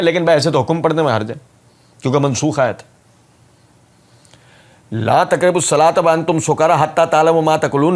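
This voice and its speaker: A man with a fairly high voice gives a polemical religious rebuttal. He is emphatic and leans into sarcasm and mockery as he argues. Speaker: religious speaker giving a rebuttal.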